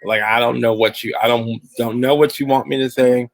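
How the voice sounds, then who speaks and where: Over a video call, this Phoenix, Arizona panelist, who works in diversity and inclusion, chats conversationally with plenty of fillers and false starts. He talks fairly quickly in a mid-range, creaky voice with a steady tone. The recording is dry.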